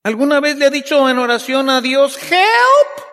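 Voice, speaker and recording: A man's voice: very high voice, level tone, a little fast, a bit bright. A man preaching a sermon, acting out playful prayers in shifting voices.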